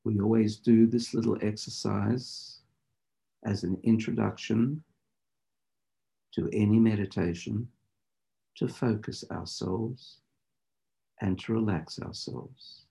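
A man teaching meditation in deliberate, measured phrases, in the instructive style of a spiritual lecture and guided practice. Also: on the low side, fairly even intonation, vocal fry, mellow.

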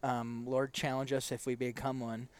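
A man's voice: medium pitch, little pitch movement, moderate pace, clear, resonant tone. A man with a sing-song Upper Midwestern accent like North Dakota's, a pastor chatting casually as an interview guest in a modest, hesitant way. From South Dakota, United States. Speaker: pastor and author, podcast guest.

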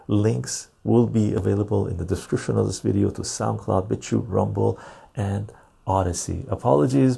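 A man with a fairly low, very creaky voice chats casually to his live stream viewers through a clip-on lapel mic. His delivery is laid-back and jokey, with a husky edge. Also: warm tone. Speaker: live stream and podcast host. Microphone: lapel mic clipped on.

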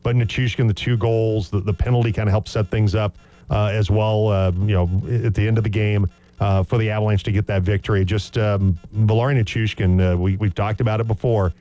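Sports radio host guy, lowish voice, teasing then gets into the game recap. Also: steady tone, brisk, dark tone, faint music behind. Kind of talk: casual sports radio banter.

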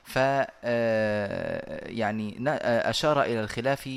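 A man teaching a lesson on Quran recitation rules over an online voice call. He explains at a measured pace with many pauses and fillers, and he chants the verses he quotes. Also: on the low side, lively intonation, vocal fry, clear, resonant tone.

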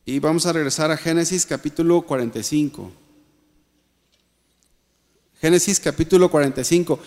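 A man with a Mexican accent preaching a sermon, swinging between emphatic lines and soft, quiet asides. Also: a little high, moderate pace. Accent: Mexican Spanish. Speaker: pastor. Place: church. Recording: echoey church hall.

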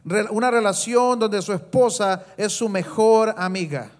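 Male church interpreter with a high voice, quick live sermon interpretation, some stumbles and restarts. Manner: quick rendering with hesitations and self-corrections.

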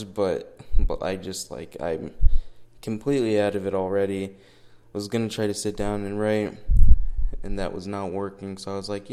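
Young American male podcaster, lowish pitch, loose self-deprecating chat with swearing, echoey garage sound. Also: darkish tone. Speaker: podcast host. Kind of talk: casual solo podcast chat. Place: indoors in a garage. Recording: echoey garage room sound, breath pops.

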